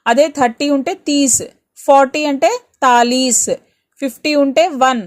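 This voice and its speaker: A woman's voice: high-pitched, fairly even intonation, a little slow. A woman teaching an exam-prep grammar lesson, explaining step by step with reassuring rhetorical questions. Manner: mixes Telugu with English words.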